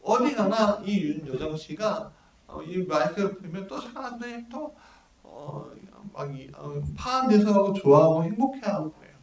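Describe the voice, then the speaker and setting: A male pastor preaching a sermon, animated and full of rhetorical questions to his congregation. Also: high voice, normal speed. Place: church hall at a prayer meeting. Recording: echoey church hall, mic at a distance, congregation audible.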